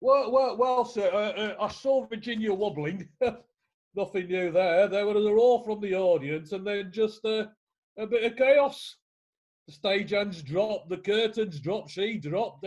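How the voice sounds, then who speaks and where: A man's voice: high-pitched, a little mellow. Man playing a blunt Yorkshire theatre witness. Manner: blunt, chatty, dialect speech.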